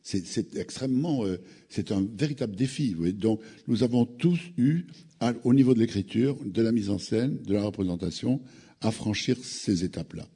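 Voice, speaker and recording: A man in later years speaking on a panel, reflective and halting, often repeating words as he searches for them. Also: lowish voice, animated, mellow, breathy edge.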